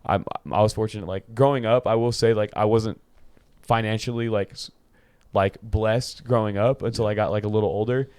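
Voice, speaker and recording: A twenty-year-old man from California chats as a podcast guest. His voice sits slightly low and sounds smooth and clear. He rambles loosely, restarting sentences and dropping in filler. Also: fairly even intonation, brisk, darkish tone. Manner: loose, filler-heavy talk with many restarts and "bro". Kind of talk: casual chat.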